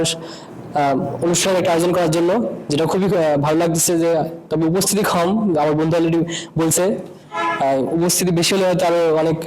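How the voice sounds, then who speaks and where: A young man from Bangladesh, a new university student, introducing himself at a student gathering, pausing often on drawn-out fillers. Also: on the high side, darkish tone, a little hiss or hum, poor audio. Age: young adult. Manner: hesitant, many drawn-out "uh" fillers.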